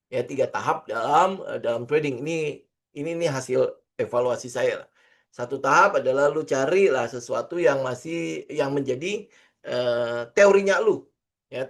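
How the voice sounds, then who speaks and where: A middle-aged man, teaching trading in a casual screen-share lesson, chatty and full of fillers and rhetorical questions. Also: fairly high pitch. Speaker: trading instructor.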